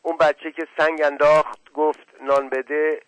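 A man's voice: on the high side, level tone, dry recording, voice pushed up, natural voice, rough recording. A man reading the lines of a whiny little girl who refuses her dinner, in a radio story reading. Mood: stubborn. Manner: whiny, insistent.

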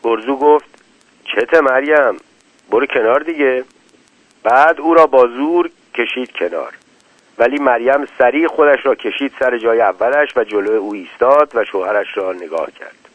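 A man telling a dramatic story in scripted narration, letting his loudness rise and fall widely. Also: mid-range voice, no echo. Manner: dramatic, with big swings in loudness. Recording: dull, dry lo-fi recording.

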